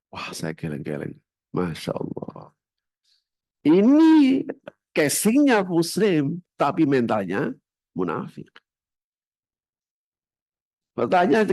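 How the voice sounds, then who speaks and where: A middle-aged man with a Javanese accent preaching a sermon in a mosque and telling stories, swinging between loud outbursts and hushed asides. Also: mid-range voice, dry recording. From Java. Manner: storytelling with animated shifts between loud and hushed.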